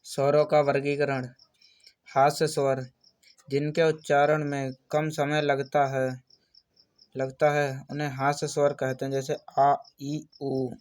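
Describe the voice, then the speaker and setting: A man's voice: a little high, little pitch movement. A man teaching an exam-prep lesson, reading out terms one at a time in a list-like way. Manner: slow, list-like delivery of terms.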